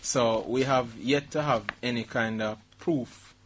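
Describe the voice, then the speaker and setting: A man's voice: mid-range voice, steady tone, measured pace, slight background noise. A middle-aged Jamaican man hosting a talk show, reading news items and riffing on them with Patois asides. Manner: reads headlines then riffs with laughter, Jamaican Patois asides. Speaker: radio show host reading news stories. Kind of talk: casual comedic news banter.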